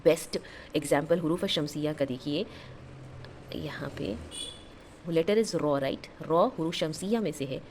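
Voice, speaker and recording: Low-pitched woman teacher, patient drilling, faint background hiss. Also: darkish tone. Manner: repeats each term and drills example words slowly. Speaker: Arabic teacher. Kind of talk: explaining lesson, mixing Hindi and English.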